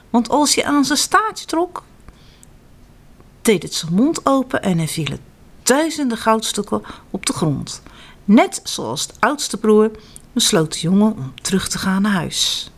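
Lively woman reading children's stories. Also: medium pitch. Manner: animated, expressive storyteller. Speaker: storyteller.

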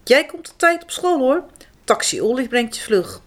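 Woman reading as a chipper, courteous storybook elephant, pitched up. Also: sing-song, normal speed. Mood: reassuring. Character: polite cheerful big male elephant.

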